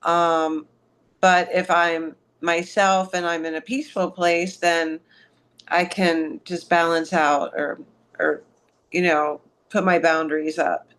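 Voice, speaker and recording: A middle-aged woman reflecting on her own life in a class discussion, halting as she searches for words. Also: fairly low pitch, flat delivery, a bit bright, clean tone. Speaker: class participant.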